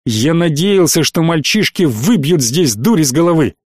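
A man's voice: on the high side, big pitch swings, normal speed, slightly rough, no room sound, clean studio sound. A man voicing a harsh, domineering middle-aged mayor who speaks in a stern, clipped way, in an audiobook.

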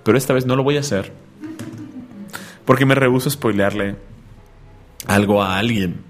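A man hosts a casual radio show, rambling through stories in a chatty, joking way. His voice sits in an ordinary middle register. Soft music plays faintly underneath. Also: mid-range voice, moderate pace. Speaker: radio host.

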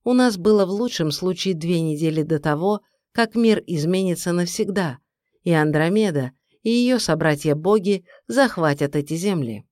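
A woman reading a first-person fantasy audiobook in a steady, even storytelling voice. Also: lowish voice, moderate pace, no room sound, clean studio sound. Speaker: audiobook narrator. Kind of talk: scripted first-person narration.

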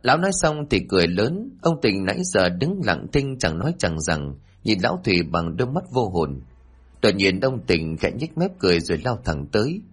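A man narrating a scripted horror story, raising his voice to act out the characters' shouted lines. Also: on the low side, very animated, moderate pace, breathy edge.

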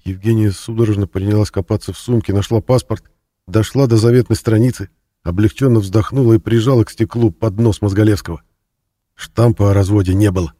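A man narrating a novel in a steady, measured reading voice. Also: fairly low pitch, no echo, studio quality. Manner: steady, measured reading, rises to loud acted shouts. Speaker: audiobook narrator. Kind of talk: scripted narration.

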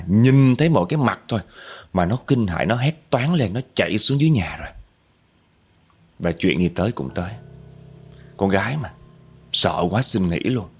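A man tells a ghost story with a low, slightly husky voice. His pitch swings widely as he builds suspense, and he keeps turning to address his listeners. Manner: animated, addresses listeners directly. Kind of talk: horror story narration.

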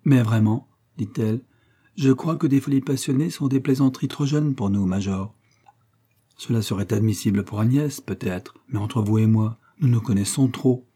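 A man voicing a jealous, sharp-tongued middle-aged widow in a storybook reading, speaking shrilly and vehemently. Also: medium pitch, moderate pace, breathy edge, natural voice.

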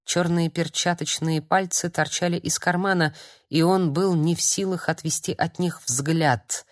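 A woman narrating an audiobook in a measured storytelling manner. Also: lowish voice, steady tone, dry recording, clean studio sound. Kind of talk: scripted narration.

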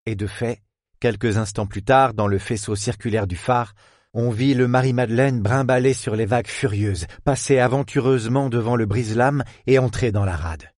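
A man narrating a novel as an audiobook, in a measured, literary storytelling manner. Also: medium pitch, a little mellow, dry recording, studio quality.

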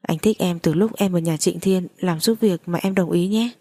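A woman's voice: on the low side, moderate pace, warm tone. A woman voicing a pushy, possessive adult man, speaking in an insistent, coaxing way.

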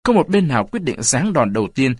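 A man narrating a story aloud in an expressive reading style. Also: medium pitch, brisk, husky, dry recording. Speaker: audiobook narrator.

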